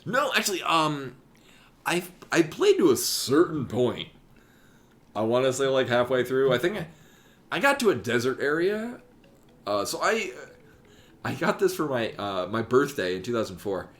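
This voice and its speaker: A man's voice: medium pitch, sing-song, moderate pace, long pauses. A man in his thirties chatting casually as he streams a game. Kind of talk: casual chat while playing. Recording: faint game music behind. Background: game music.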